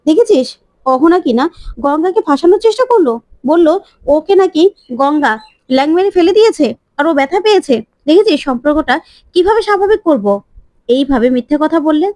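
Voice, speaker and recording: An indignant young husband scolds in a rush of quick, high words, as a woman narrator reads his lines. The voice sounds dry and close, with no room around it. He sounds fed up and defends his brother hotly. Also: animated, dark tone, no room sound.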